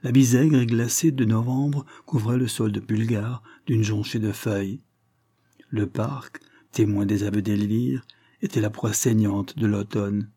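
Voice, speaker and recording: A man giving a solemn, measured, expressive dramatic reading of a literary text. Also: fairly low pitch, breathy edge. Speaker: reader.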